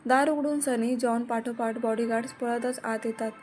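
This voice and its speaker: A woman narrating a serialized love story in a steady reading voice. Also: a little high, moderate pace, a little hiss or hum.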